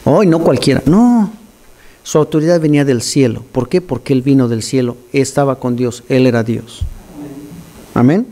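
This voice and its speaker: A man preaching an animated, teaching sermon to his congregation. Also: medium pitch, normal speed. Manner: animated, teaching, scolds listeners for distracting him. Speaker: pastor.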